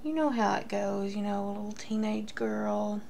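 Gossipy woman storyteller with heavy vocal fry. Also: medium pitch, fairly even intonation, darkish tone, a little hiss or hum. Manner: gossipy, rambling, halting delivery with tangents. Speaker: vlogger. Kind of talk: casual confessional get-ready-with-me storytime. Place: small room at home, indoors.

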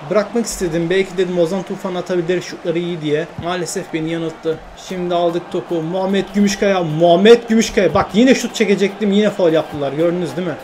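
A young man commentating his own football video game play, shouting at teammates between frustrated and joking remarks. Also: high-pitched, fairly even intonation, fairly quick, hardly any pauses, background noise. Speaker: gaming YouTuber.

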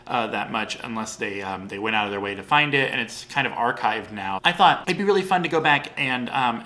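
A man's voice: mid-range voice, pushed and bright. A man chatting casually with lots of fillers and giggles, then reading his own comic fiction aloud. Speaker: writer and performer.

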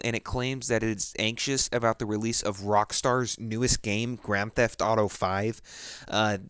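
Young male vlogger, mid pitch, dry recording, halting and filler-heavy delivery. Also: smooth, no echo. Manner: halting, many "uh" fillers and restarts. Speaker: gaming video host. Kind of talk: casual video update.

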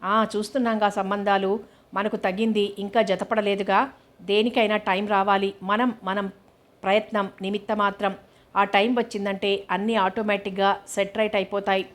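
A thoughtful middle-aged husband musing philosophically in a storybook reading, as a woman narrator puts him on. He reasons softly on a flat, steady pitch. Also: moderate pace, close to an everyday voice.

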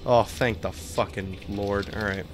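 A man's voice: lowish voice, fairly even intonation, a little slow, music in the background. A young man streaming a game live from home, chatting casually, swearing and laughing as he reads out the game's text. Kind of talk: casual live-stream commentary while playing.

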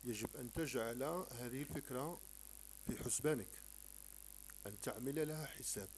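A man's voice: medium pitch, a little mellow, rough recording. Male tutor with an Algerian accent, patient and repetitive, breaking words into letters, faint music behind. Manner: patient, repeats words slowly and sounds out letters. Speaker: teacher. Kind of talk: explaining a French textbook lesson in Arabic.

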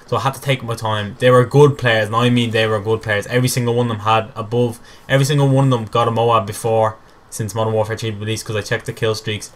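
A young man from Ireland, rambling excitedly and mocking himself as he commentates over game footage. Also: mid-range voice. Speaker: gameplay commentator.

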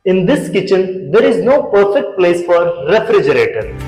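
A young man with a notably high voice explains renovation plans room by room in a steady, scripted manner. His lapel mic catches the long echo of empty, uncarpeted rooms. Clear background music runs under his talk. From India. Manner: measured, explanatory, pointing out features. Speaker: renovation company founder presenting a walkthrough. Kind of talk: scripted walkthrough presentation. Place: large empty apartment rooms, indoors.

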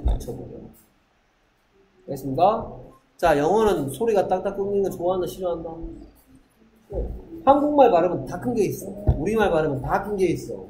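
A man teaching an English class, drilling pronunciation and quizzing students with quick rhetorical questions. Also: fairly high pitch. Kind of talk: classroom lecture. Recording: echoey classroom, faint noise.

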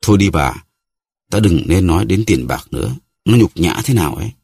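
A man's voice: sits low, lively intonation, brisk, creaky, a little mellow, breathy edge, no room sound, exaggerated voice. A man voicing a vain, boastful musketeer who talks haughtily and acts offended. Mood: haughty.

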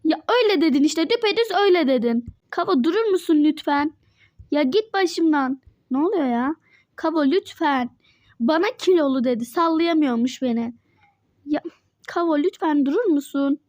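A woman's voice: high voice, animated, darkish tone, no room sound, clean studio sound. A young female player doing casual, playful role-play chat in a mobile game. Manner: chatty, playful, quick back-and-forth. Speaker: Toca Life roleplay player voicing Mike.

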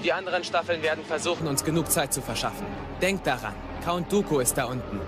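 A man's voice: a little high, fast, lightly acted. A man playing a bold young starfighter squadron leader in a German audio drama, giving clipped, commanding orders. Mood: commanding, focused. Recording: loud music and battle effects behind.

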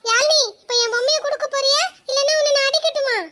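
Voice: very high-pitched, fairly even intonation, fast talker, sharp tone. A performer voicing a cheeky cartoon boy who teases his little sister. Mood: defiant. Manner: teasing and defiant. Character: cheeky young boy, selfish older brother.

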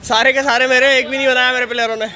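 A young man filming on his phone at an outdoor turf cricket net, giving excited, shouting commentary on a friendly match. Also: very high voice, racing, a crowd in the background. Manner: loud, excitable, shouting calls. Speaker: vlogger and player-commentator. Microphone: handheld phone camera.

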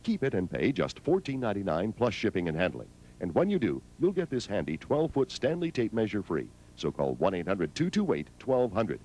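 American man, commercial announcer, scripted sales pitch, husky, slightly low, highly animated. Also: fairly quick, hardly any pauses.

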